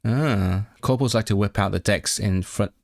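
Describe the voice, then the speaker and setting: In a fairly low-pitched voice at a moderate pace, a young live streamer chats casually with viewers about tutoring. He keeps halting and starting over, thinking aloud with many fillers.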